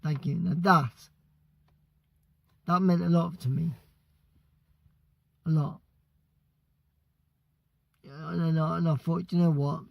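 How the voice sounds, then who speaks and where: A British man from the UK telling a story casually, excitable and stumbling over his words. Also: a little high, slow pace, vocal fry, long pauses, no echo, dull audio. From United Kingdom. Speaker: vlogger.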